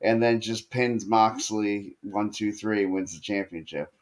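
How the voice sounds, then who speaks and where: Guy co-hosting a wrestling podcast, slightly low voice, rambles through match recaps with lots of ums. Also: unhurried. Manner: animated storytelling with frequent fillers and restarts. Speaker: podcast co-host. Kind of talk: casual wrestling chat.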